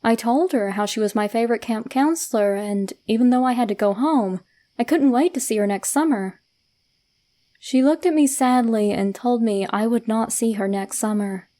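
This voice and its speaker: A woman reads a scripted first-person horror story in a soft, hushed, measured storytelling manner with suspenseful pauses. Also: fairly high pitch.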